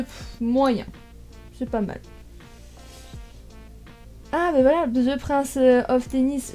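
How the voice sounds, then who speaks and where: A chatty young woman with a fairly high but mellow voice, thinking aloud as she sorts titles into a tier list. She fills her speech with hesitations and little asides, and faint music plays behind her. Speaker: YouTuber ranking manga. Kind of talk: casual tier list commentary.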